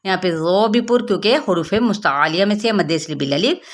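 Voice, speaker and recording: A woman teaching Quran recitation rules, chanting verses slowly and then explaining the pronunciation step by step, asking and answering her own questions. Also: medium pitch. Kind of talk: tajweed lesson with slow chanted recitation.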